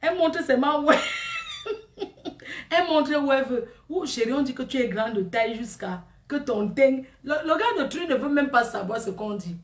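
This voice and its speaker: A woman doing a comic monologue, gossiping and exclaiming in a lively, animated way. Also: a little high, moderate pace, echoey room, recorded from a distance.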